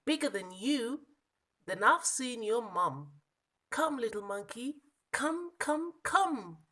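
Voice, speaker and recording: Woman as a confident muddled butterfly, storybook character, encouraging, emphatic, higher pitch, unhurried. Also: lively intonation, fairly bright tone, full character voice. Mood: reassuring. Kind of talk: children's storybook character reading.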